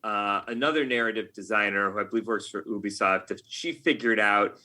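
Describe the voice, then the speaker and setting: This podcast guest, an American who writes video games, keeps a steady tone with a pushed, bright quality in a lower voice, talking a little fast. His answers are conversational, and he often circles back to reword what he's explaining.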